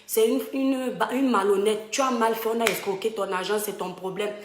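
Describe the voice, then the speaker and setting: A woman's voice: mid-range voice, steady tone, normal speed, slight background noise. A woman from Cameroon, talking directly and emphatically to online followers as she tells a personal story from home. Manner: emphatic, fond, addresses viewers directly. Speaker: live-stream storyteller. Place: home room. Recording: roomy home echo.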